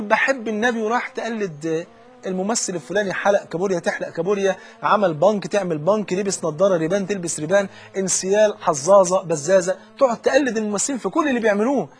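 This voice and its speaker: Speaking with an Egyptian Arabic accent and a high-sitting voice, a preacher gives an informal sermon. He narrates stories with lots of animation, performing the characters' lines.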